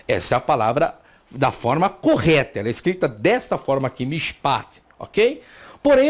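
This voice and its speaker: A Brazilian man teaching a recorded Hebrew lesson, explaining step by step and asking and answering his own questions. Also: fairly high pitch. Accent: Brazilian Portuguese. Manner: voices students' questions to himself.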